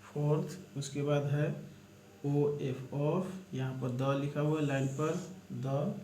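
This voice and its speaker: A slightly high, mellow-voiced man moves at a slow pace through a shorthand lesson, spelling letters one by one and speaking to viewers as friends. Faint background noise and room echo are audible.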